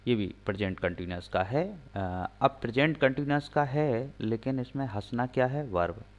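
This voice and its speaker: A man teaching English grammar, slowly spelling out example sentences word by word and asking questions he answers himself. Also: mid-range voice, expressive. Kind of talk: classroom-style explaining lesson. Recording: slightly dull lo-fi recording.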